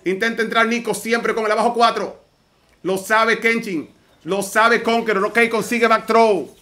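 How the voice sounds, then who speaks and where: A man calls a fighting game match live as an esports caster, his voice high and bright as he rattles off moves with urgency. He keeps the energy up and speaks straight to his viewers. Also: fairly even intonation, moderate pace.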